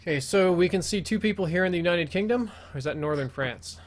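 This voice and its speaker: A man's voice: high-pitched, expressive, fast talker. An American man doing casual live commentary as the host of a gaming video, his S sounds slipping a little because he wears braces.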